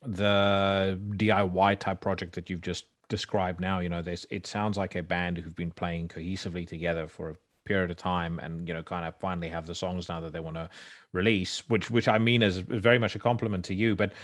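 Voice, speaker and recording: A man's voice: low voice, flat delivery, brisk. A man in his forties hosting a podcast interview, casual and stammering, often repeating words. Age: 40s. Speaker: podcast host.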